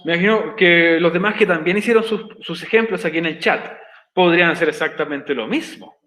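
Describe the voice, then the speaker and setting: High-voiced man teaching in an echoey room. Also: fairly quick, pushed and bright. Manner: patient, repeats structures step by step. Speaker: English teacher. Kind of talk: online class explanation. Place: home, online class.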